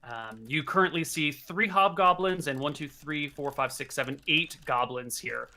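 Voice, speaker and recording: A man serves as game master and describes the scene loosely, stopping on fillers as he goes. His voice is very bright and sits a little above the usual pitch for a man. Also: moderate pace. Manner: casual, rambling narration with fillers. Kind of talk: narrating a tabletop game.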